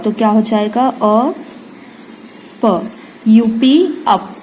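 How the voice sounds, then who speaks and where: A woman tutor, patiently teaching phonics at a slow pace, sounding out letters and repeating them. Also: a little high, a little mellow, slight background noise, poor audio. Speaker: home tutor. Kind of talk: slow phonics lesson for parents and kids.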